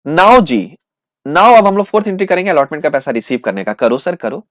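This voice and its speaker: A man teaching accountancy in with terms, asking questions and answering them himself, slowing right down to dictate entries. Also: fairly high pitch, no room sound, clean studio sound. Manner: lively, asks and answers his own questions, slows to dictate entries. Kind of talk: classroom lecture acting out students' replies.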